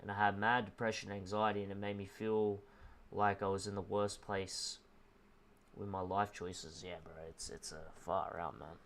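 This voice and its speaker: Young male streamer with a low voice, heartfelt and emotional, speaking haltingly to a viewer. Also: flat delivery, a bit bright. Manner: earnest, halting, repeats "bro" and "man". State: emotional, close to tears. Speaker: livestreamer.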